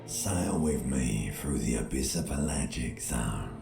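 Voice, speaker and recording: A bass-deep primal brain voice. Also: male voice, animated, gravelly, full character voice. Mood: coaxing. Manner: slow, hushed, coaxing. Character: ancient primal male brain voice, seductive and bleak. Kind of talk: scripted video game narration. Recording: echoey game audio over music.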